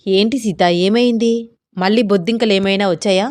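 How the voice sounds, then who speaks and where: A woman's voice: mid-range voice, steady tone, a little fast, a little mellow, dry recording, natural voice. Woman doing a fussy mother-in-law. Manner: fussing, scolding. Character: fussy caring middle-aged mother-in-law.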